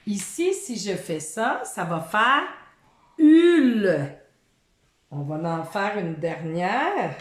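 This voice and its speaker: A woman giving a reading lesson to a child, in a sing-song voice, sounding out letters and syllables slowly. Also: lowish voice, sing-song, a bit bright, reverberant.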